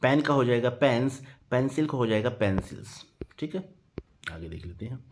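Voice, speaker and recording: A patient man teaches an English grammar lesson at an even, unhurried pace. He spells each word out letter by letter. After every point he checks in with his students. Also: medium pitch, background noise. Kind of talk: Hindi-medium grammar lesson.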